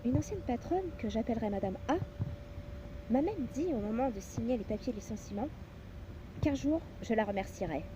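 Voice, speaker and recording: A woman in her thirties, a personal development coach, narrating her own story in a measured, earnest way with occasional hesitations. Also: on the high side. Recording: steady background noise with passing traffic.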